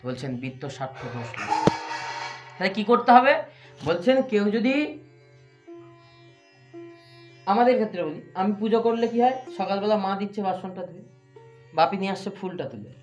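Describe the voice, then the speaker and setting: A man's voice: sits high, expressive, faint music behind. Man giving a devotional scripture talk. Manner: poses questions to listeners; chants Sanskrit verses slowly. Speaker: scripture teacher. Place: room with listeners. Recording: echoey, muffled, with faint sitar.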